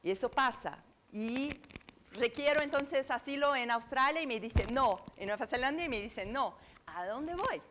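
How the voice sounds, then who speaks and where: Her voice is high-pitched, animated and fairly bright, delivered at normal speed with a little hiss or hum in the recording. The woman, who has an Argentine Spanish accent, lectures a live conference audience on astrology, stumbling through fillers and restarts while using tag questions to check the room agrees.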